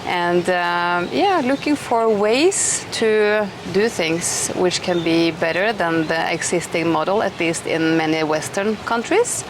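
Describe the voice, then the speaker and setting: A middle-aged woman from Norway, low-voiced, speaks slowly yet barely pauses as she hosts a casual interview. She's enthusiastic and talkative with frequent restarts, recorded outdoors in an eco village amid a lot of noise.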